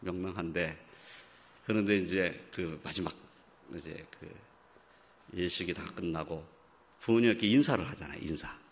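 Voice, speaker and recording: A man preaching a sermon, telling a story in a quiet, halting way and building to loud, emphatic preaching, acting out the voices of the people he quotes. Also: low voice. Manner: acts out quoted voices of fathers and God. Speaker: pastor.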